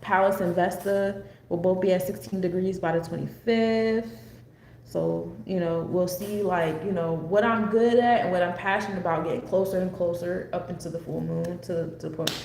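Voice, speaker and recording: Here an American woman delivers an astrology forecast as a relaxed, rambling lecture full of digressions. Her lowish voice is steady, a little mellow, and touched with vocal fry, moving at a normal speed. It's recorded in an echoey space with faint background noise.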